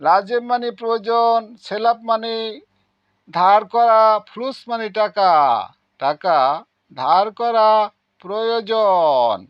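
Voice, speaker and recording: A man teaching vocabulary, slowly repeating each word and its meaning in a drilling lesson. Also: high voice, smooth, no echo. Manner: slow, repetitive drilling of words and meanings. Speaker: language teacher. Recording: dull lo-fi sound, dry.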